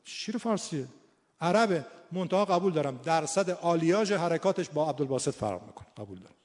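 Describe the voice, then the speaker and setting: A man from Iran with a slightly high voice gives an informal lesson on recitation. He thinks out loud and repeats his key words to drive them home. His voice rings with a long hall reverb. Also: lively intonation. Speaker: Quran recitation teacher. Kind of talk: informal teaching talk.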